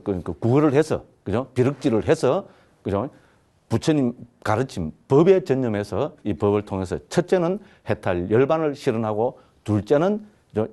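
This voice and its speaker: A Buddhist monk, a man, teaches a class in a mellow, darker voice at a middle pitch. He keeps pausing to throw rhetorical questions at his listeners as he explains.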